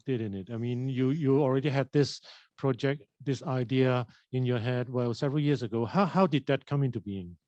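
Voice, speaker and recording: Halting male interviewer, dry muffled sound. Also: mid-range voice, warm tone, no echo. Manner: halting, repeats words, ends on tag questions. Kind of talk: festival Q&A questions.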